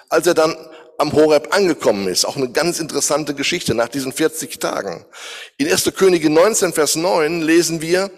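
A man's voice: a little high, long reverb tail. A man preaching a sermon, speaking straight to his listeners and asking them searching questions. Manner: addresses listeners directly, posing searching questions.

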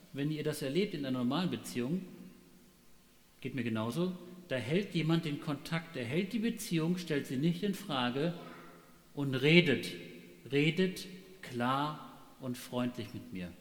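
A middle-aged man preaching a sermon, animated, asking rhetorical questions and checking with his listeners. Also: medium pitch. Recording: echoey hall, long reverb.

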